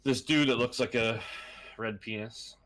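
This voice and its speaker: A man narrating as game master of a tabletop game, halting often with fillers and small chuckles. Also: mid-range voice, steady tone, a bit bright, slight background noise.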